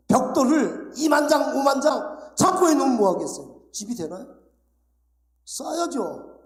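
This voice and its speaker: High-voiced pastor preaching in an echoey church. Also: male voice. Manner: emphatic preaching, acts out quoted voices. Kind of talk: sermon. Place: church sanctuary.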